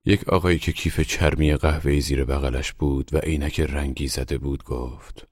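Man, audiobook narrator, very low voice, dry close sound, measured reading. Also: fairly even intonation, slightly rough, dry recording. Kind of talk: scripted literary narration.

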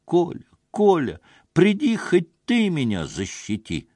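A man voicing a tearful, desperate young wife who pleads in shrill, sobbing outbursts. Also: big pitch swings, slow pace, bright, forceful tone, slightly rough, no room sound, heavily acted.

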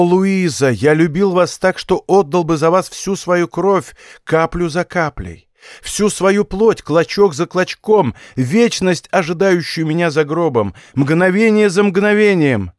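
A man voicing a heartbroken young nobleman who speaks slowly and gravely in an audiobook. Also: high-pitched, animated, dry recording, clean studio sound. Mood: impassioned. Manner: slow, grave, bitterly measured speech. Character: young nobleman, bitter and heartbroken yet gallant.

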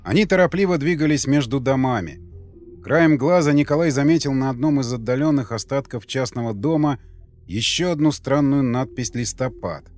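A man narrating an audiobook in steady storytelling and acting out the characters. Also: mid-range voice, moderate pace, faint music behind. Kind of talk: scripted narration.

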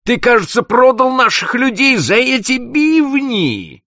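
A man putting on a panicky chief of a remote trading post, screeching and stammering high above a normal speaking voice, in a storybook reading. His delivery is lively and swooping, with a gravelly edge. The recording is close and dry. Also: unhurried, dry recording, exaggerated voice. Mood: outraged. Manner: shrill, shouting, stammering.

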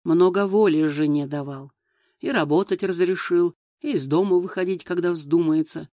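A man's voice: sits high, warm tone, dry recording, studio quality. A man voicing a domineering middle-aged mother-in-law in an audiobook, speaking harshly and emphatically. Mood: berating. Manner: harsh, reproachful, slow and emphatic.

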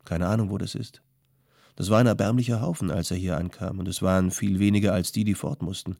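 A male audiobook reader voicing a settled young potter who calmly gives practical advice. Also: low voice, fast, creaky, dry recording, clean studio sound. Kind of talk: audiobook character voice.

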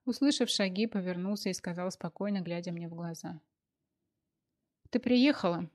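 A woman's voice: lowish voice, a little fast, a little mellow. Woman narrating a first-person story.

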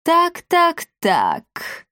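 A woman's voice: a little high, lively intonation, slow pace, no echo, studio quality. Brief: sly villainous lady sorceress, mocking and gloomy, put on by a woman narrator, storybook. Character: mocking sinister noblewoman sorceress.

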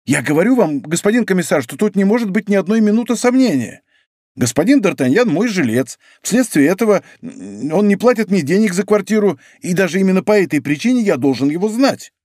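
Man doing a panicky, high-pitched shopkeeper. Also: brisk, hardly any pauses, no room sound, clean studio sound. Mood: agitated pleading. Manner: excitable, pleading, exclaiming. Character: frightened fussy middle-aged male shopkeeper. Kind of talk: audiobook character voice.

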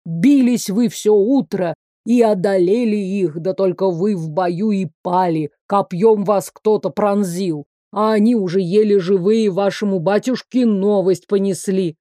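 A woman's voice: medium pitch, mellow, dry recording, studio quality, lightly acted. Woman doing a whining, wailing palace guard. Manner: whining, wailing, slow drawn-out pleading. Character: timid hungover male palace guard, whining.

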